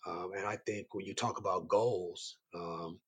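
A man with a raspy, hoarse voice, worn from yelling, giving earnest, rambling answers as a coach being interviewed. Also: sits low, steady tone, unhurried. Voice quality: raspy, strained voice. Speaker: high school basketball coach and site coordinator, guest.

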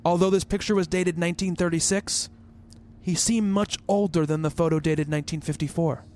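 The voice is a man's, a little high and steady, brisk in pace, with a darkish tone and natural quality, plus a little hiss or hum. He portrays a worried, reasoning researcher in a creepy radio play, narrating thoughtfully and playing a character over music. His dialogue and first-person narration are pensive and measured.

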